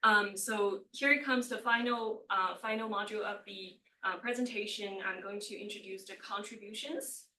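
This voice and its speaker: A young adult woman speaks as a doctoral candidate at her thesis defense. Her voice is bright and clear-edged, with a hesitant, hedging delivery that trips on words. She sounds away from the microphone in an echoey room. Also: mid-range voice, normal speed, few pauses, a little hiss or hum. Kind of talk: academic presentation. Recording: echoey room, far from the mic.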